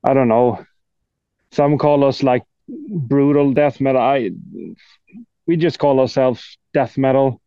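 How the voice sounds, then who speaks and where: A Swedish death metal guitarist with a Swedish accent chats casually as an interview guest, sounding hesitant and self-deprecating. His medium-pitched voice is mellow and smooth, slow and full of pauses, and the audio is dull with no echo.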